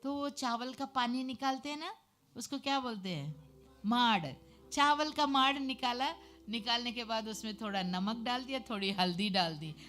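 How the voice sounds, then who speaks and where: A woman giving her personal testimony to a church congregation, telling the story in a lively way with emphatic hallelujahs. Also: fairly high pitch, moderate pace, soft background music.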